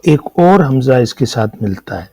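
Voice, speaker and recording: Male language teacher, Pakistani Urdu accent, patient explainer, mellow and slightly husky voice. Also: mid-range voice, very animated, no echo, low-quality recording. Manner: patient, explanatory, asks and answers own questions. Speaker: Arabic teacher. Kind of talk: classroom lecture explaining script.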